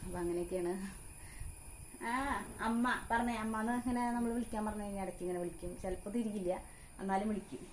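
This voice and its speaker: A mother with a Kerala Malayalam accent, talking in a home vlog. She coaxes her young son in a sing-song voice and calmly explains things to the viewers. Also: medium pitch, fast talker, a little hiss or hum. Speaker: mother of the vlog's child. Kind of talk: casual home vlog talk with her child.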